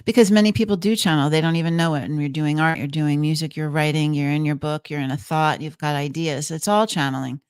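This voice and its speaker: A woman's voice: deep voice, fast, hardly any pauses, darkish tone, clear, resonant tone, no room sound, studio quality. A woman speaking as an interview guest, explaining things conversationally in earnest, emphatic short phrases. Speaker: guest, trance channeler.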